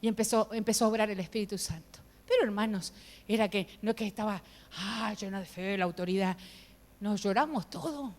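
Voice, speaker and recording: A woman pastor, giving an emotional, animated sermon testimony full of acted-out quotes. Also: mid-range voice, brisk, in a large hall. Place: church sanctuary.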